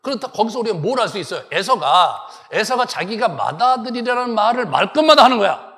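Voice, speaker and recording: A male pastor giving a sermon and telling the story in a lively way, acting out the characters. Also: high voice, a little fast. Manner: animated storytelling, acts out the characters. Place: church sanctuary. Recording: long church hall reverb.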